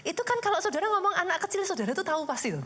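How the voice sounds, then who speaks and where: Woman pastor, high animated voice, chatty sermon delivery with rhetorical questions. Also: very fast. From Indonesia. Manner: lively, conversational preaching with rhetorical questions.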